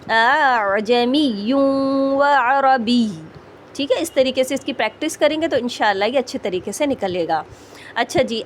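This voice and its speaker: A woman's voice: fairly high pitch, slight background noise. A woman teaching Quran recitation rules, patiently explaining and often checking that her students follow. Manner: patient, repeats "ٹھیک ہے؟" checks, slows to model sounds. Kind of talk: explanatory tajweed lesson.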